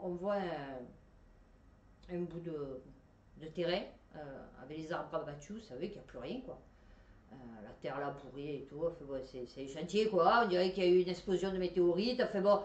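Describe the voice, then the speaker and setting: A woman with a Marseille accent reads out science headlines and chats about them casually, with lots of fillers and restarts. Her voice is lowish and darkish, and the lo-fi recording sounds roomy and distant.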